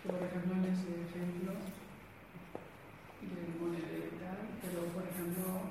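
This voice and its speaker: A woman's voice: on the low side, completely flat delivery, normal speed, vocal fry. A woman in the audience earnestly asking a question, building it up with repeated phrases. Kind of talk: question from the floor. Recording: distant voice in an echoey hall with noise.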